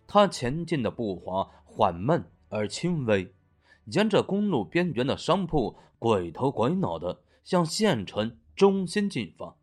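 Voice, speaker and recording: Animated male storyteller over soft music. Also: medium pitch, measured pace. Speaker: audiobook narrator. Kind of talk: storytelling narration of a web novel. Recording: faint music underneath.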